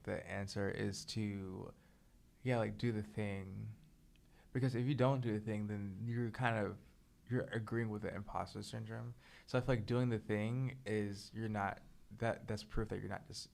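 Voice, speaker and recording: A young man chats on a podcast, hesitant and searching, often circling back to restart a sentence. His voice sits low with a gravelly, fried edge. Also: fairly even intonation, normal speed, darkish tone. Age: young adult. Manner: hesitant, restarts phrases while thinking. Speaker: podcast co-host. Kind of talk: casual chat.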